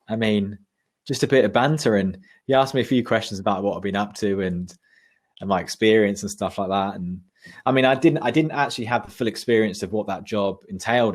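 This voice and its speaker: A man reminiscing casually as a podcast guest, with an informal, matey, sometimes sweary way of talking. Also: on the low side.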